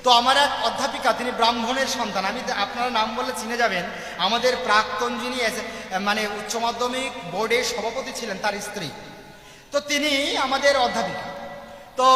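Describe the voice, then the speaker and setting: A young man preaches with passion and keeps calling out to his listeners. His voice is very high and bright. It rings out through a large hall with a long echo. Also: moderate pace, a little hiss or hum. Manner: impassioned, addresses listeners as mother. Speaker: Matua preacher. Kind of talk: devotional sermon storytelling. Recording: echoey hall.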